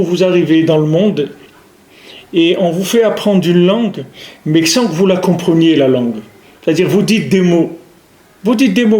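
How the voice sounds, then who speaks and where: Guy giving a religious lesson, kinda high voice, keeps repeating himself for emphasis, echoey room. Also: a little mellow. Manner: repetitive, emphatic, rhetorical questions. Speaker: rabbi teaching. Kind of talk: spoken Torah lesson.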